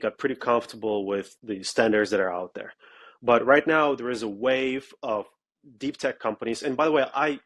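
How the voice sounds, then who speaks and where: Guy, founder, blunt, keeps tossing in "okay?", normal pitch. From Russia. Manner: blunt and emphatic, with frequent "okay?" asides. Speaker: startup founder and guest. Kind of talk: casual interview talk.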